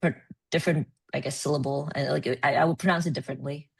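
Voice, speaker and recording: A woman presenting at a research meeting, explaining with many ums and pauses. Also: low voice, fairly even intonation, vocal fry, husky. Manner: hesitant, many ums and uhs.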